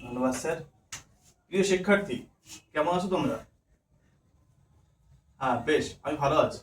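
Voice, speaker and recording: Speaking at a moderate pace in a slightly high, expressive voice, a Bengali-accented teacher candidate runs a classroom demo. He asks questions aloud and supplies the answers on his own. The audio carries room echo, faint noise, and a distant microphone.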